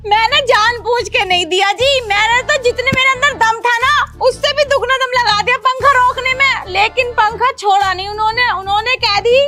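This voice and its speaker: A woman playing a feisty, quarrelsome village wife in a comedy skit. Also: very high voice. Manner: loud, quarrelsome, dramatic. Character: feisty young village wife, sharp-tongued.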